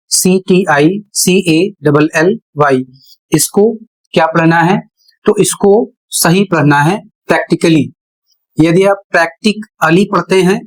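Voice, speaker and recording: A man's voice: a little high, poor audio. A man teaching English pronunciation at a board in a classroom-style lesson. He spells words out letter by letter and poses questions that he answers himself.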